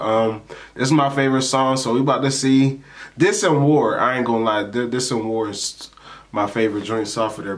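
A young American man with an average-pitched voice talks casually to his viewers as a reaction host. His speech is emphatic and full of street slang and swearing.

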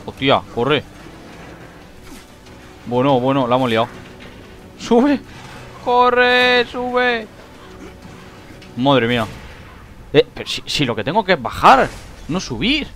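A man giving excitable let's play commentary, shrieking when he panics. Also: mid-range voice, normal speed, long pauses, soft background music. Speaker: gaming YouTuber.

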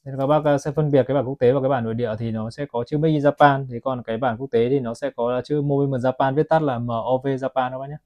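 A man's voice: medium pitch, fairly even intonation, fast talker, few pauses, mellow. A man selling watches, chatting to his viewers as he films a product review on his phone. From Vietnam. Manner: chatty, keeps addressing viewers as "các bác". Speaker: watch seller.

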